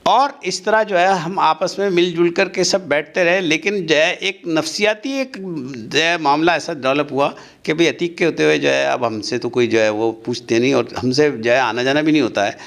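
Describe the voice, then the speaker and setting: A man's voice: a little high, moderate pace, creaky, hardly any pauses, fairly bright tone. An older man, answering interview questions in an earnest, insistent way as an official of a university society. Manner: earnest, insistent, defends himself at length.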